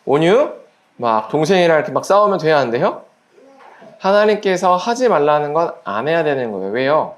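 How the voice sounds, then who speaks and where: A pastor giving a children's sermon at a church service, gently asking the children quiz questions and acting out little voices in the story. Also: mid-range voice, sing-song, fairly quick. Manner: acts out little quoted voices while storytelling.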